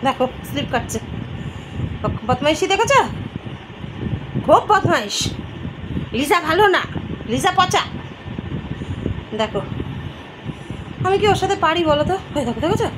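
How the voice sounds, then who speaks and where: A middle-aged woman talks to her viewers as friends in a relaxed home vlog, her voice pitched high. She is filmed on a phone camera indoors, with a faint hum of street traffic behind her. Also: a little slow, pauses often. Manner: chatty, addresses viewers as friends, coos at pet. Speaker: vlogger. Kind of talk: casual home vlog narration.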